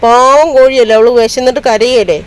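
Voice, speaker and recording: A woman vlogger with a fairly high voice talks in a chatty, folksy way. She coaxes a small child in gentle baby talk. A faint hiss sits under the recording. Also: steady tone, normal speed. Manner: chatty, folksy commentary to the camera. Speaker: vlogger host. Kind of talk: casual family vlog chat.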